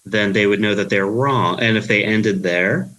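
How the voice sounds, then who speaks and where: A man from Queens, New York, with a Queens accent, chatting on a podcast in a sleepy, deadpan monotone. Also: on the low side, normal speed, poor audio. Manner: deadpan, dry. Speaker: podcast co-host. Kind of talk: casual podcast chat.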